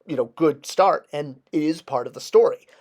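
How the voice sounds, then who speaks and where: A man presenting in a casual explanatory style, with animated delivery and emphatic stresses on key words. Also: fairly high pitch, moderate pace. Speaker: video presenter.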